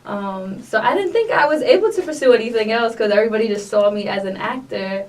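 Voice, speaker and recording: This young woman speaks fast in a mid-range voice with a New York accent. She's a guest artist on a casual podcast interview, chatting in an upbeat way full of fillers, picked up by a distant mic with faint noise.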